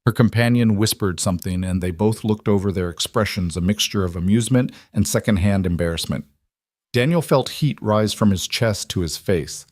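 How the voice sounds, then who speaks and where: A man doing steady, dramatic scripted narration of a story. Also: on the low side, normal speed, dry recording, studio quality.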